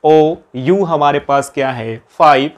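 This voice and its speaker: A man's voice: on the high side, takes it slowly. A male teacher giving an exam-prep lecture, who keeps asking questions and then answering them himself, and calls his viewers friends.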